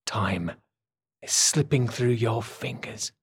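A cruel, scheming villain taunts his captive in a slow, menacing drawl, as a man reads him. The voice is a little husky and sits at a middle pitch. The recording is dry and close. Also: no echo, heavily acted. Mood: mocking menace. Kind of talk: audiobook character voice.

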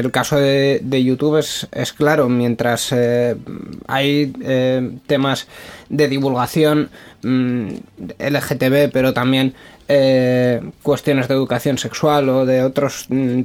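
A man's voice: medium pitch, darkish tone. A man hosting a podcast, asking long questions with many hesitant "eh" and "mm" fillers. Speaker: podcast host. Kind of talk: interview questions.

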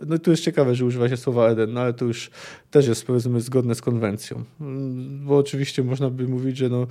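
Man, podcast host, book discussion, hesitant, filler-heavy, mellow dark voice. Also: medium pitch. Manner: hesitant, many fillers, thinking aloud.

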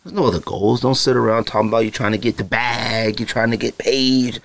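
Speaking briskly at a medium pitch, with a fairly bright tone and fairly steady intonation, a man in his thirties hosts his solo sneaker show from home. He chats casually with listeners, teasing and hyping them straight to their faces, and leans on lots of fillers.

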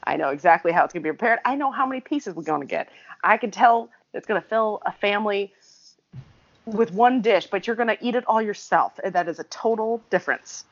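A woman's voice: medium pitch, animated, fairly quick, muffled recording. A woman co-hosting a casual chat, telling long rambling stories and laughing often.

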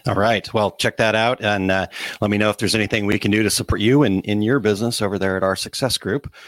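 A man with a Missouri twang co-hosts a podcast in a casual, folksy way. His voice sits a little low and is recorded dry and close. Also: steady tone, fast talker, fairly bright tone, dry recording. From Missouri, United States. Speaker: podcast co-host. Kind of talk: casual chat.

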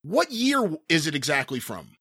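Male interviewer, high lively voice with some rasp, informal and attentive. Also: moderate pace, no room sound. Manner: informal, attentive follow-up questioning. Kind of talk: casual interview chat.

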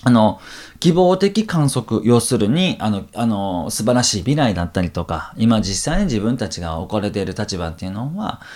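Lively man with a Kansai accent. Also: moderate pace. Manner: animated, acts out quoted voices with big pitch jumps. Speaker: podcast host answering listener questions. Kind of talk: casual podcast chat.

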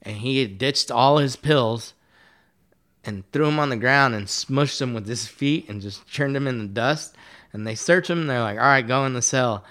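A man in a casual podcast interview, telling a long story in a relaxed, meandering way. His voice sits in an ordinary middle pitch, and he scatters fillers and curse words throughout. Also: moderate pace. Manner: rambling, laid-back, profane, many fillers. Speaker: guest artist.

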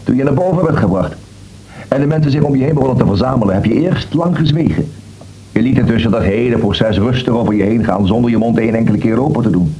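An actor playing an earnest friend who reasons with a doubter and warns him, in a radio drama. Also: male voice, medium pitch, animated, fast talker, dark tone, slight background noise, natural voice, rough recording. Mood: recounting. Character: earnest man warning his doubting friend.

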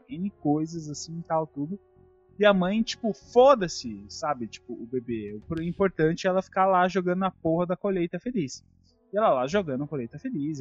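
A man with a Brazilian Portuguese accent hosting a casual chat, telling stories with profanity and indignation. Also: fairly high pitch. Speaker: podcast host. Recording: dull lo-fi audio, faint music.

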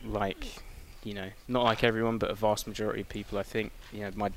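A man with an English accent talks easily about his life as a racing driver. His voice sits a little low, and his humor is dry and self-deprecating. The tone is loose, podcast-style chat. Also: flat delivery, fast talker, fairly bright tone. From England.

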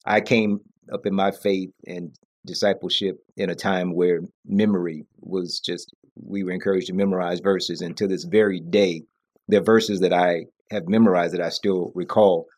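Man, pastor, very low voice, preachy emphatic delivery, restarts phrases. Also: level tone, moderate pace, a little mellow. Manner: sermon-like, emphatic, self-correcting. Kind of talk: conversational church podcast discussion.

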